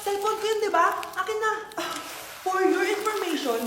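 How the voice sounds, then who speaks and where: A woman acting in a comedy skit, talking in a bossy, loud way. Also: very high voice, normal speed. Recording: very echoey room with noise.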